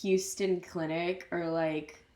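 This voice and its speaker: A young adult woman hosting a podcast in casual chat, joking around and chiming in quickly. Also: fairly low pitch, level tone, mellow. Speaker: podcast host.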